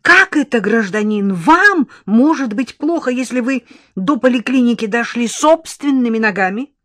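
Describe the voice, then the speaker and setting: A woman voicing a brusque middle-aged female clinic receptionist with a husky, curt, scornful delivery. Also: medium pitch, fast talker, a little mellow, dry recording, studio quality, natural voice.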